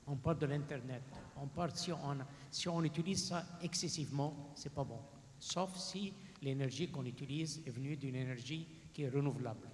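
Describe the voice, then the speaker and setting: A man's voice: mid-range voice, fairly quick. Male moderator in a reverberant, slightly noisy hall. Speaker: panel moderator and speaker. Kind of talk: informal explanation to an audience. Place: large conference hall. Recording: reverberant hall with faint background noise.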